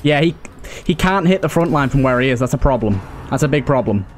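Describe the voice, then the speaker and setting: Speaking fairly quickly in an expressive mid-range voice, a man provides casual let's play commentary, thinking aloud and repeating phrases often. Faint music sits behind clear video game ambience and effects.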